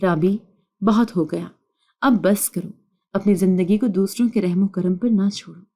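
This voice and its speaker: Give me a persistent young man who pleads earnestly, read by a woman telling a story. His voice is dark and even. He presses his case again and again. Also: mid-range voice, lightly acted. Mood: insistent. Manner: earnest, insistent.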